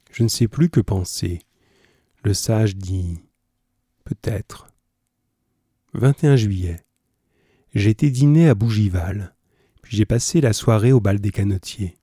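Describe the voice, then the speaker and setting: Guy reading a story aloud for students, low husky voice, dry close mic. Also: warm tone, dry recording. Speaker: reader for school pupils.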